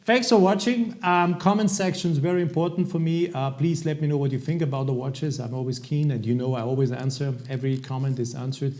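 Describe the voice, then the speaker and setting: A man from Austria with an Austrian accent and a gravelly voice, casually presenting products to viewers as a video host in halting, hesitant phrases. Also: mid-range voice, steady tone, darkish tone. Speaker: watch review video host.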